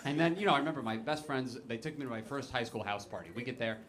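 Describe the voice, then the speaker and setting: A man performs a self-deprecating stand-up set, telling stories and acting out other people's lines, with audience laughter in the background. His voice is medium-pitched, a bit bright, and fast.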